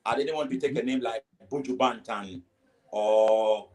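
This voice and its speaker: A man's voice: medium pitch, a little slow, darkish tone, low-quality recording. A Ghanaian man with a Ghanaian accent, a reggae artist answering interview questions in a casual way, often saying "you know" and stumbling over repeated words.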